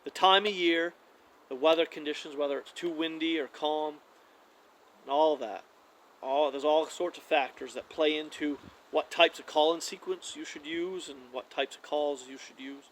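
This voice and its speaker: Relaxed man explaining deer calls. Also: on the high side, normal speed, slight background noise, low-quality recording. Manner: relaxed, conversational, with frequent "like" and restarts. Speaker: hunting call demonstrator. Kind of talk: casual how-to demonstration.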